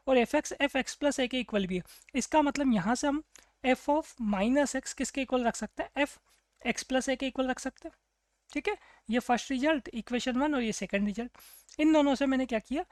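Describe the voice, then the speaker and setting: A woman's voice: high voice, brisk, dry recording. A woman teaching a math problem, asking the class questions and answering them herself. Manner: asks and answers her own questions, "clear?" checks. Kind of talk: explaining a math problem on a board.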